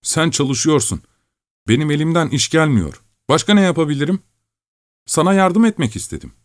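In an audiobook, a spoiled, hot-tempered young man, as a male narrator puts him on flares up in a voice pitched well above the reader's own. He sounds petulant and raised, and the dry, close recording keeps every outburst crisp. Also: animated, moderate pace, dry recording, natural voice. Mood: indignant. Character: volatile, spoiled young male traveling companion.

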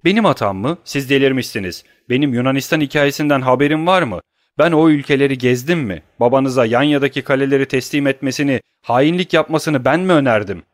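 A middle-aged banker, as a male audiobook reader puts him on, scared yet bristling, protesting defensively and with agitation. His voice is pitched above the narration and is a touch louder. The sound is dry and close, with no room echo. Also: quick pace, natural voice. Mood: indignant. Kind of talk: audiobook character reading.

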